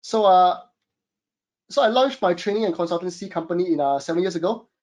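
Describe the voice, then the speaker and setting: Speaking from a home studio, a man from Singapore with a Singaporean English accent hosts a webinar as an e-commerce consultant. His voice sits high and is a little mellow, with lively intonation and a fairly quick pace. He chats casually, uses lots of fillers, and addresses viewers as "guys."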